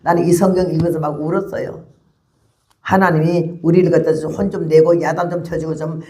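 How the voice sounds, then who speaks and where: An elderly woman in her eighties delivers a lively testimony sermon as a missionary preacher. Her voice is gravelly and textured. She keeps the story moving with animated pacing and a steady run of rhetorical questions to her listeners. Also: on the low side. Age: 80s.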